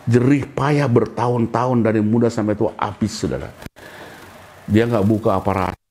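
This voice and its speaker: A man's voice: lowish voice, fairly even intonation, normal speed, darkish tone, rough recording. A middle-aged man preaching a sermon in a casual, colloquial way, often addressing his listeners directly and acting out the voices he quotes. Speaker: pastor.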